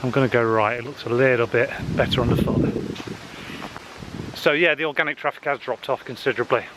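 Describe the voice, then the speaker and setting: Brisk and fairly even in intonation, the man speaks at a medium pitch. As a social media marketing vlogger, he chats casually into a handheld camera while hiking a wooded hill path, somewhat breathless and using frequent fillers, with faint outdoor noise in the recording.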